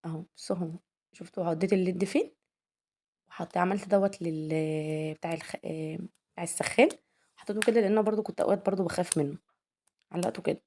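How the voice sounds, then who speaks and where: A woman's voice: fairly low pitch, fairly even intonation, fast talker, pauses often, dark tone. A young woman with an Egyptian accent, chatting casually in a home vlog, talking straight to her viewers as girls and asking their opinion. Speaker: homemaker vlogger.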